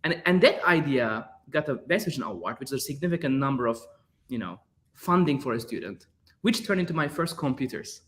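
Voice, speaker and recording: With a mid-range, fairly bright voice, lively intonation, and a fairly quick delivery, a Turkish guest artist in his thirties works through interview questions. He has a Turkish accent and hunts for words, using many fillers and repetitions.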